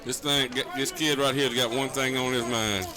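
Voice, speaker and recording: A man's voice: medium pitch, steady tone, normal speed. A man adding short, dry, joking remarks to a baseball broadcast from an outdoor ballpark. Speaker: commentator. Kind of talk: casual baseball commentary. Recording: crowd noise from an outdoor ballgame.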